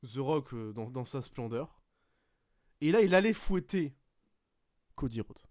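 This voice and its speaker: A man hosting a podcast, swearing often as he retells a wrestling match in an animated play-by-play. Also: mid-range voice, measured pace, no room sound, clean studio sound. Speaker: podcast host. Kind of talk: casual podcast chat, excited match recap.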